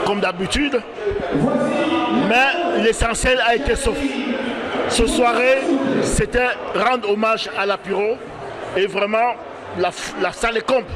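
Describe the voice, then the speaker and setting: A man's voice: high-pitched, very noisy. A man who organized the event, thanking everyone emotionally in a vox pop interview on a camera mic in a packed hall. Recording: loud crowd behind.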